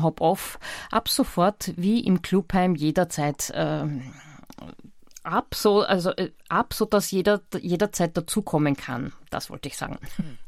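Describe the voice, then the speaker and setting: A woman with an Austrian accent presenting an amateur radio bulletin, reading club news in an informal, somewhat halting way. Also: on the low side, darkish tone, no echo, clean studio sound.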